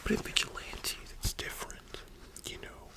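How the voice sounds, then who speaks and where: An ASMR host whispering softly in a library-style whisper, chatting informally with slangy, opinionated fan commentary. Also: moderate pace. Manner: soft unvoiced whispering throughout.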